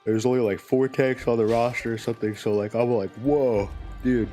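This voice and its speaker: A man's voice: mid-range voice, fairly even intonation, fast, mellow, soft background music. A male game streamer chatting casually while he plays, rambling with lots of fillers and sounding sleepy and yawning. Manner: rambling, filler-heavy, laid-back. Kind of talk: casual live-stream chat while playing.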